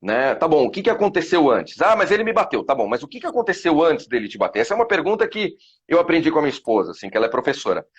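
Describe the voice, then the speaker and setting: Husky-voiced man, lively pitch. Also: very fast, muffled recording. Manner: reflective, talks about parenting with many fillers. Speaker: guest. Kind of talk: casual live chat.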